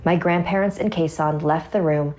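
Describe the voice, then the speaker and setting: A woman's voice: sits low, steady tone, normal speed, over a noisy crowd. A woman narrating a scripted first-person horror story, with music behind her voice.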